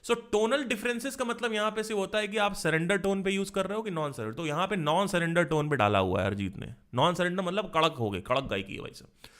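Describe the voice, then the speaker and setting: A male vocal coach talks through a singing lesson, explaining step by step and checking in with rhetorical questions. His voice sits high for a man and sounds bright and ringing. He speaks clearly and smoothly at an unhurried pace. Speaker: singing teacher. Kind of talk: spoken vocal lesson with sung demonstrations.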